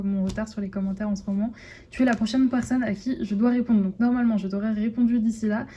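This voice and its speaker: A woman's voice: on the high side, mellow, lo-fi sound, slight background noise. A young woman with a French accent chatting casually to her phone camera at home, rambling with lots of fillers and restarts. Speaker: vlogger. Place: at home indoors.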